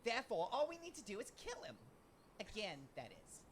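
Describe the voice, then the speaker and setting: A woman's voice: mid-range voice, huge pitch swings, a little fast, a little hiss or hum. A woman voicing a small, earnest young female would-be inspector in a theatrical fan dub of game dialogue, with game music behind. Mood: determined. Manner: theatrical, dramatic sighs and sobs. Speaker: fan voice actor.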